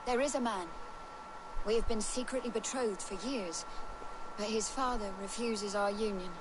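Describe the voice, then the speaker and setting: A woman's voice: moderate pace, close to an everyday voice. A woman playing a lovelorn, scheming village spinster in a video game, with florid, melodramatic phrasing. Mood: scornful, scheming. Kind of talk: theatrical video game acting. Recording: game ambience and rumble behind.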